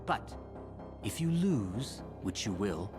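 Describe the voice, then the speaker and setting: An actor playing an arrogant, menacing villain boss in an animated series, boastful and melodramatic. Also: male voice, on the low side, slow pace, over music.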